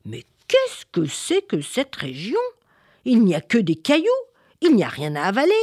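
A greedy, furious storybook monster, as a woman reader puts it on. It grumbles and complains loudly. The delivery is raised and sulky. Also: mid-range voice, huge pitch swings, moderate pace, breathy edge, dry recording, clean studio sound, heavily acted. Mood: grumbling.

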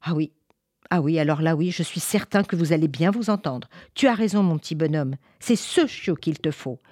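A woman's voice: deep voice, moderate pace, no echo, studio quality. A woman voicing a kind puppy seller. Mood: gentle. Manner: gentle, coaxing. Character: kind grown man selling puppies.

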